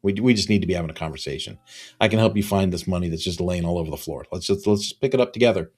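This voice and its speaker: A man's voice: sits low, very fast, a little mellow, breathy edge. A man in his fifties, a business consultant talking alone to camera, earnest and repeating phrases for emphasis. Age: 50s. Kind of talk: solo promotional talk to camera.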